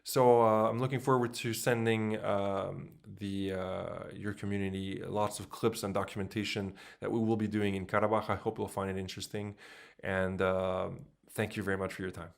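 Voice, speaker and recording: Brief: male conference speaker, flat and hesitant, full of fillers. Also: fairly low pitch, normal speed, gravelly. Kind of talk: prepared remarks to a panel.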